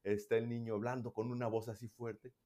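A man who works in child welfare, explaining in a casual conversation and acting out loud and hushed examples. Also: mid-range voice, flat delivery, fairly quick.

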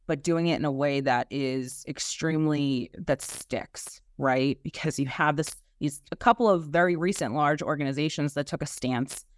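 A woman's voice: deep voice, dry recording, studio quality. A woman with a Boston accent answering as an interview guest, conversational and emphatic, often ending her points with a questioning tag. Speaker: interview guest, human resources executive.

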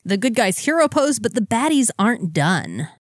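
A woman co-hosting a podcast, casually recapping comics with wry jokes and quick asides. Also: on the high side, sing-song, no room sound, clean studio sound. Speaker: podcast co-host.

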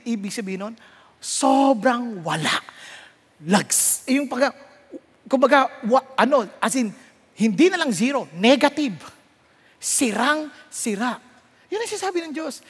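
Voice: medium pitch, breathy edge, big-room sound. A preacher giving a sermon, switching between Tagalog and English and asking the congregation rhetorical questions. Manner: mixes Tagalog and English, reads scripture aloud.

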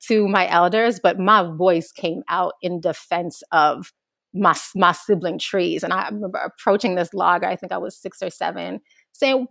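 A young adult woman answering an interview question, speaking earnestly in long, flowing thoughts that grow lively when she recalls childhood. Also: medium pitch, vocal fry, dry recording, clean studio sound. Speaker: guest, organizer.

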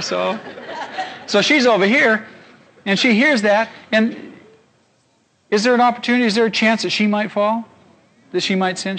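A male pastor delivering a sermon, animated and constantly asking his audience questions. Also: high voice, creaky.

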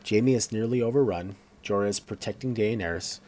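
A man's voice: on the low side, a little fast, warm tone. A man giving a casual scene-by-scene recap of a TV episode, reading along with fillers and stumbles. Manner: reads along with fillers and self-corrections.

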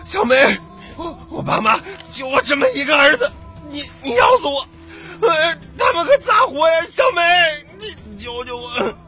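A man's voice: fairly high pitch, wildly swooping pitch, moderate pace, long pauses, music in the background. A man voicing a young man in a storybook drama who courts a woman, is poisoned and pleads in a strained, panting voice. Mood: anguished. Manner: pleading, breaking into cries.

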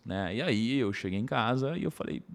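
A man, a podcast guest telling a personal story in animated casual conversation. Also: medium pitch. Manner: animated, tags sentences with quick asides.

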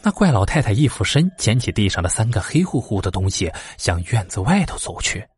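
Husky man telling a lively folk-horror story. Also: fairly low pitch, a little fast. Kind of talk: dramatic folk-horror narration. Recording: faint background music.

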